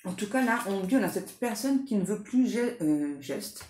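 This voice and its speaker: A woman's voice: medium pitch, expressive, normal speed, darkish tone, reverberant. A woman doing a casual tarot card reading, talking in a chatty way full of fillers and restarts.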